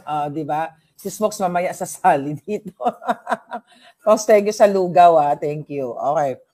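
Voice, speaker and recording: A vlogger from the Philippines chats through a casual livestream in a gossipy way, mixing English into the talk. The voice sits at a middle pitch, and the speaker often turns to address viewers directly. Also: unhurried, mellow. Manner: talks straight to viewers and their comments. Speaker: political vlogger.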